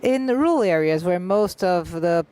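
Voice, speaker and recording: A live interpreter renders a festival panel discussion into English in short, halting phrases, with frequent filled pauses and self-corrections. The pace speeds up and slows down unevenly, and the middle-pitched voice sounds animated, a little mellow, clear and resonant.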